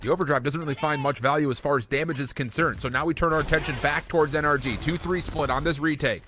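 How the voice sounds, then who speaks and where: A man calling esports play-by-play with quick, excitable calls. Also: fairly high pitch, slight background noise. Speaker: esports caster. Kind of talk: play-by-play commentary.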